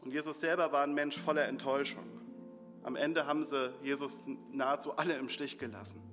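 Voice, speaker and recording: A man's voice: medium pitch, steady tone, a little fast, fairly bright tone. Earnest male preacher in a hall. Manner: earnest, builds in repeated short phrases. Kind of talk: sermon. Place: church hall. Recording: long reverb in a hall, faint music.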